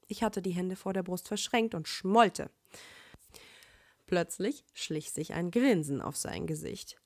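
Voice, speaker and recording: A young woman reading her own fan fiction aloud in first-person narration, with an expressive delivery on a close mic. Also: lowish voice, slow, no room sound.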